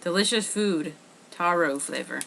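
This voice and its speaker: Woman, low voice, matter-of-fact, reads labels, casual snack tasting, noisy recording. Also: expressive, measured pace, creaky, a bit bright. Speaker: vlog host.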